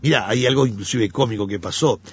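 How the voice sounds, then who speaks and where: A man, a pastor telling stories in an animated conversational way and acting out the voices he quotes. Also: mid-range voice, fast talker, slightly rough, lo-fi sound. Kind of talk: conversational teaching.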